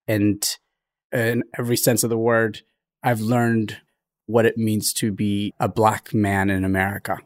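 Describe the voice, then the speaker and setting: A young adult man from Ethiopia, a podcast guest talking in an earnest, reflective way with frequent pauses. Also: lowish voice, level tone. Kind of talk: conversational interview.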